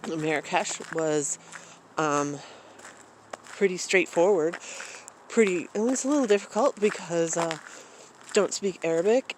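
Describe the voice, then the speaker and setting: A travel vlogger talks casually into a phone camera at home, rambling with lots of fillers and restarts. The voice is medium-pitched, and the low-quality recording carries a little hiss or hum.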